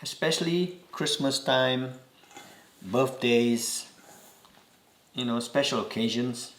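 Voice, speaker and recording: A man with a Singaporean accent talks through a home baking recipe at a slow, patient pace. His instructions come step by step with gentle repeated reminders, and the voice is mid-pitched. The kitchen around him gives the sound a noticeably roomy echo. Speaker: home cooking host. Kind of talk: step-by-step cooking demonstration.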